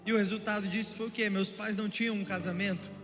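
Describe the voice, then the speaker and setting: A young man with a Brazilian Portuguese accent preaching a sermon, telling lively stories and speaking straight to the congregation. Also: high voice, quick pace. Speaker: pastor. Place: church hall. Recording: echoey church hall with music.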